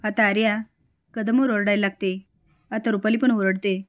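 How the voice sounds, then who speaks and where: A woman retelling a television serial episode in a plain, brisk storytelling manner. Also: mid-range voice, steady tone. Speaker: serial recap narrator. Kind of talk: storytelling recap.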